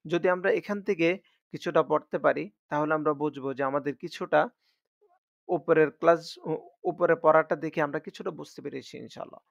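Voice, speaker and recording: Patient, gravelly-voiced male Quran teacher. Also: fairly high pitch, steady tone, no room sound. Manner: slow, patient, repeats each sound for drill. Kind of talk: recorded online lesson. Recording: dry, dull lo-fi audio.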